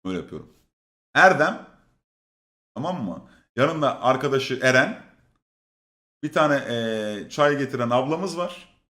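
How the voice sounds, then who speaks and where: Animated swearing male storyteller, echoey room. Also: medium pitch, measured pace, long pauses. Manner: swearing, laughing storyteller who acts out others' lines. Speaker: storyteller on a stream. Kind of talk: casual anecdote telling.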